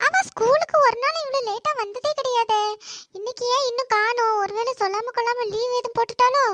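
A woman doing a high chatty cartoon schoolgirl. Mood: curious. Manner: lively, gossipy, fast back-and-forth. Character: chatty schoolgirl, worried about being late.

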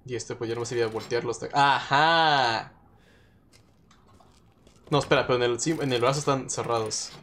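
A man's voice: medium pitch, normal speed, pauses often, fairly bright tone, slight background noise. A man with a Mexican Spanish accent commentating a live horror game stream, jumpy, swearing and nervously repeating himself. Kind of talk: live let's-play commentary.

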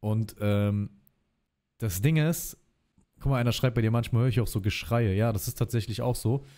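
A man's voice: fairly low pitch, normal speed, mellow. A man talking as a guest in a casual livestream chat, telling long personal stories in slangy, chatty speech and calling the host brother.

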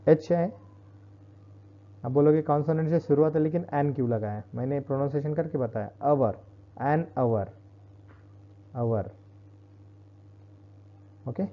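A man's voice: fairly high pitch, fairly even intonation. Man teaching, dull lo-fi sound. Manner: explains slowly, repeats points, switches between Hindi and Marathi. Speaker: English grammar teacher. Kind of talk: bilingual classroom lesson. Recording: dull lo-fi recording.

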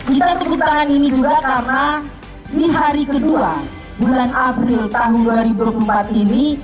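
Female official, high voice, rallying outdoor speech. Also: steady tone, normal speed, roomy sound, soft background music. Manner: rousing, calls for applause. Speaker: government official giving a speech. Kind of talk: formal speech at a podium. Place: outdoor field event. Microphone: podium microphone.

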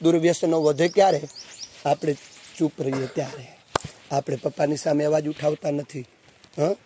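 A man giving a storytelling motivational talk at a student camp, animated and preachy, questioning his audience. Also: on the high side, normal speed, a little hiss or hum. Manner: animated, acts out dialogue and asks the audience questions; preachy, rousing. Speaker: speaker at a student values camp.

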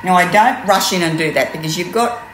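Low-voiced older Australian woman demonstrating cooking. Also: brisk. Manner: chatty, rambling, frequent ums. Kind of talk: casual cooking tutorial. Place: home kitchen, indoors. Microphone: camera mic from mid distance. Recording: roomy kitchen with steady noise.

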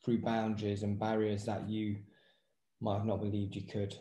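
This interview guest, a man in his thirties, talks through his personal trainer work on a video call from a small room at home, sounding casual and reflective. His voice sits on the low side with a dark, monotone quality and a moderate pace, and the room lends it a noticeable echo.

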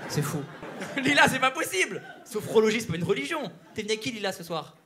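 A male stand-up comedian doing crowd work on stage, teasing audience members with quick banter. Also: high-pitched, sing-song. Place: theater stage before a live audience. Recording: live show with loud audience laughter and noise.

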